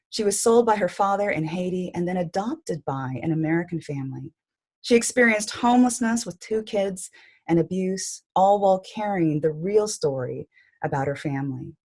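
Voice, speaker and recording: A woman hosts an interview show, reading her introduction in a measured, composed way before asking her guest questions. Her voice sits slightly low. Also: darkish tone. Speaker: podcast host.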